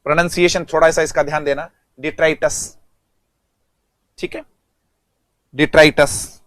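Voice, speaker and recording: A man's voice: a little high, little pitch movement, measured pace, a bit bright, no room sound, clean studio sound. A male English teacher giving an online vocabulary lesson, speaking, repeating words and quizzing students.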